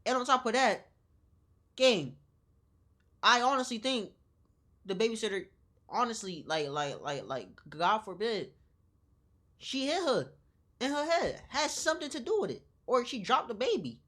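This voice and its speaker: A woman's voice: on the high side, sing-song, unhurried, pauses often, a bit bright. A woman streaming on camera, reacting to a video in loose slang with lots of repeated words, talking straight to her viewers. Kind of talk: casual live-stream reaction commentary.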